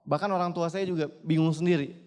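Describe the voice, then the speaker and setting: A man's voice: on the high side, steady tone, fast talker, mellow, clear, resonant tone. A man in his twenties gives a motivational testimonial speech at a business seminar, emphatically addressing the audience again and again. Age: 20s. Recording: long hall reverb.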